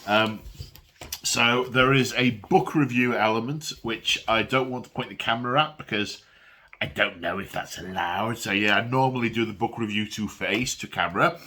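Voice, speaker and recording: A man with a fairly low, bright, forceful voice talks at normal speed in a casual unboxing vlog, coughing because he has a cold. Host of a miniature wargaming hobby channel, he rambles and restarts with self-deprecating remarks, recording on a phone camera.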